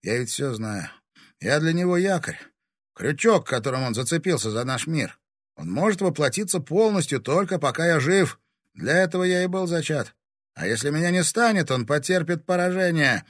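A defiant teenage boy hero speaks in a strained, determined voice, raised high and bright, as a male narrator acts him out. The audiobook sound is close and dry. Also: animated, normal speed, dry recording. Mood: resolved.

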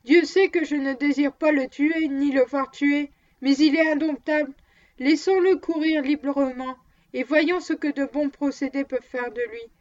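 A woman's voice: high-pitched, fairly even intonation, normal speed, a little mellow, lightly acted. A woman reading the part of a patient, determined man who owns a wild dog, in an audiobook on a dull lo-fi recording. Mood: earnest.

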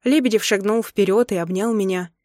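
A woman narrates a novel in first person with expressive, dramatic delivery. Her voice sits mid-range. The recording is close and dry, with no room sound. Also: medium pitch, brisk, no room sound. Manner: expressive, acts out emotional dialogue. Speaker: audiobook narrator.

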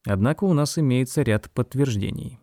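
A man's voice: mid-range voice, lively intonation, warm tone, dry recording, clean studio sound, lightly acted. A man playing an impatient clever detective. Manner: brisk, reasoning, impatient.

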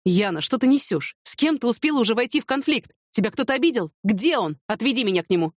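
A woman's voice: a little high, lively intonation, quick pace, no echo, studio quality, voice pushed up. A woman reading an audiobook, voicing an injured, weary male police major who complains in an exasperated way. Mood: pleading.

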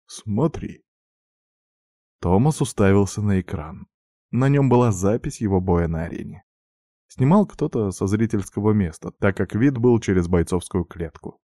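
A man reading a novel aloud as narrator with expressive storytelling. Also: lowish voice, normal speed, no room sound, clean studio sound. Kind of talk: audiobook narration.

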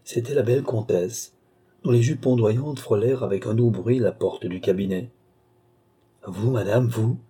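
A man narrating an audiobook, reading at a measured, steady pace. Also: medium pitch, husky. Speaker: audiobook reader.

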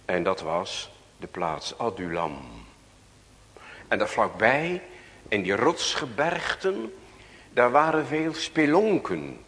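Dutch male pastor, measured sermon delivery, long church reverb. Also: mid-range voice, big pitch swings, fairly bright tone. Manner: reads scripture aloud, asks the congregation questions.

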